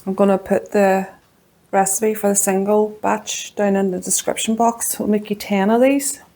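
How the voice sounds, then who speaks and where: A woman's voice: medium pitch, fairly even intonation, normal speed, mellow. A woman with a Northern Irish accent hosting a casual cooking vlog from her home kitchen, chatty and homely as she tastes her baking. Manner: chatty and homely, talks while tasting. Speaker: cooking channel host.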